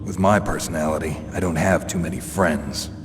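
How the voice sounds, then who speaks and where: A man voicing a gruff, cynical special operations soldier in a video game, terse and sardonic. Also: low voice, steady tone, moderate pace, close to an everyday voice. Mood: skeptical, probing. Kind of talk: dramatic video game voice acting. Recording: long hall reverb, music behind.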